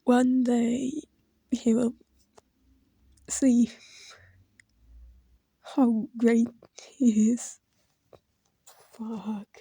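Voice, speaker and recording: A woman whose native language is Brazilian Portuguese, a video creator, offers a tearful personal tribute, her hesitant, halting speech slipping into whispers. Though slightly high, her voice is dark and gravelly with some huskiness, and her tone remains level. The audio is dry and close-miked, with no echo.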